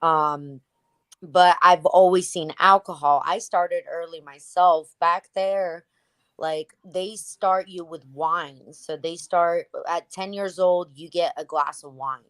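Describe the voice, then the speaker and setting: Slow-talking woman from Ukraine. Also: lowish voice, clean tone, dry recording. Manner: relaxed, unhurried storytelling with fillers. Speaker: podcast guest. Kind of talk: casual interview chat.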